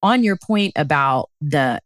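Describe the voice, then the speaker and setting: A woman's voice: sits low, lively intonation, takes it slowly, no echo, studio quality. A woman hosting a conversational interview, speaking earnestly and emphatically in long winding sentences. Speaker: interview host.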